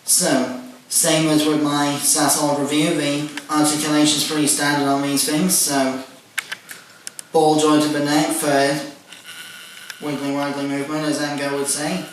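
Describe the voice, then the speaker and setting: A man's voice: fairly high pitch, flat delivery, a little slow. A man giving a methodical toy review, listing parts and features one by one. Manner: methodical, listing details with "and whatnot". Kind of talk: casual toy review walkthrough. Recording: very echoey room, distant mic, faint noise.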